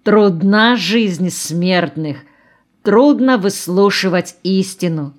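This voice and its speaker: A woman's voice: mid-range voice, takes it slowly, lightly acted. A woman reading the part of a moralizing, melancholy male geologist who speaks in sententious maxims, in an audiobook. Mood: preachy. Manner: sententious, preachy.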